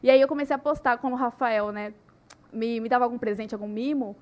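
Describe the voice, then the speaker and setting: High, fast-talking woman. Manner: animated, many "né" tags. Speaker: podcast guest. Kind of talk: casual testimony chat.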